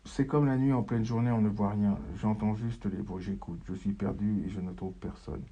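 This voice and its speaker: Lost dreamy young man, man reading, low dark gravelly voice, lo-fi. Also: fairly even intonation, normal speed. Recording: dull lo-fi recording.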